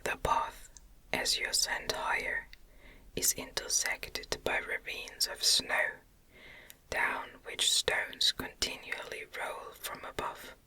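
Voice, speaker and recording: This is an ASMR audiobook narrator, a woman who whispers a novel right up against the microphone in a soft, carefully measured delivery.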